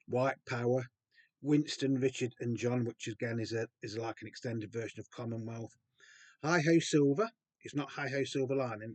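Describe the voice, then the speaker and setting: A man's voice: medium pitch, darkish tone. A man in his fifties or older rambles happily about a record in his collection. He has an ordinary mid-range voice and restarts his sentences often. The sound is dry and close, with no room echo. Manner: chatty, rambling, with frequent ums and restarts. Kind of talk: casual show-and-tell.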